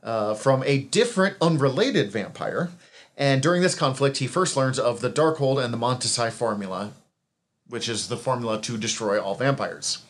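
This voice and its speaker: A man's voice: medium pitch, animated, normal speed. A man co-hosting a casual podcast, walking through comic book backstory. He talks in a rambling way, stopping to correct himself mid-sentence and chuckling at his own asides. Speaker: podcast co-host recapping comics.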